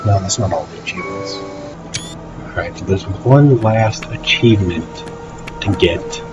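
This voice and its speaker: A man's voice: low-pitched, a little slow, lo-fi sound. A man giving casual gameplay commentary as he presents a walkthrough, offhand and hesitant, thinking aloud. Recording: loud game audio behind voice. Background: loud music and game sounds.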